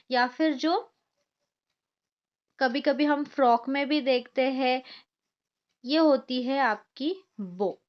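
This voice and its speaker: An Indian woman tutor walks learners through a grammar lesson, unhurried and patient as she spells out each example word. Her voice sits high, and the recording sounds a little dull and lo-fi.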